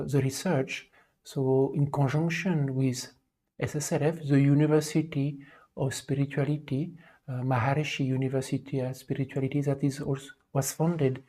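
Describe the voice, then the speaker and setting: A French man of about forty hosts a livestream talk, speaking English with a French accent in a medium-pitched, warm, dark voice. His delivery is even and monotone, and he hesitates often, pausing and leaning on fillers as he searches for words.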